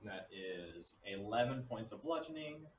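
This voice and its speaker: A man's voice: lowish voice, lively intonation, unhurried. A man playing a tabletop role-playing game, talking casually through his moves. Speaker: player in a tabletop RPG. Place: echoey room. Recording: echoey, distant mic with faint noise.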